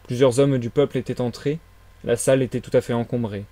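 A man's voice: mid-range voice, fairly quick, dry recording. Man reading a classic novel aloud. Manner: steady storytelling delivery. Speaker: reader. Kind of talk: live audiobook reading.

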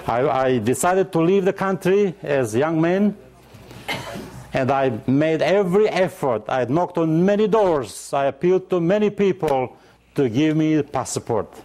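An older man from Yugoslavia preaching a sermon, earnest, pausing to search for words and lifting his voice for scripture. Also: on the high side, expressive, darkish tone.

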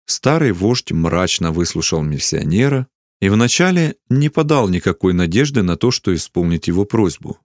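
Low-voiced man reading a children's story. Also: sing-song, moderate pace, no echo, studio quality. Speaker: narrator.

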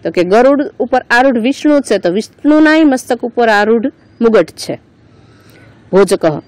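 A woman's voice: a little high, a little mellow, no room sound, poor audio. A woman teacher with a Gujarati accent teaching a lesson. She reads each line aloud, then explains it word by word. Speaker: school teacher.

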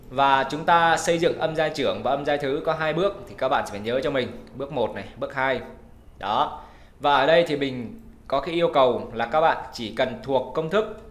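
A man's voice: medium pitch, fairly bright tone. Man teaching in an echoey room. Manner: patient, explanatory, steps through items one by one. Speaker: music theory teacher. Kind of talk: online lesson narration.

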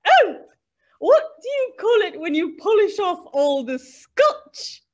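A woman's voice: very high voice, sing-song, slow, darkish tone, highs cut off, heavily acted. An actor playing a frail, flustered older English woman stand-up comic with an English accent, who quavers, sounds breathless and keeps giggling at her own jokes. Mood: dithering. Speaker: stand-up comedian. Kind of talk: comedy sketch character.

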